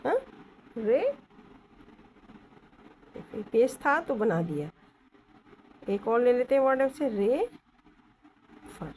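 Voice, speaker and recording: Lady teaching shorthand on her phone, slow and lively, keeps asking if you got it, bit of hiss behind. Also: high voice, poor audio. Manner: explains slowly, with many checking questions. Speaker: stenography teacher. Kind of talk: Hindi-English shorthand lesson. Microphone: phone held in one hand.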